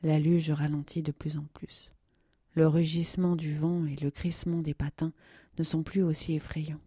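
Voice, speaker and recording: A woman narrating a story in a hushed, measured way, dropping to a whisper at tense moments. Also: sits low, breathy edge, no echo, clean studio sound. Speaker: audiobook narrator.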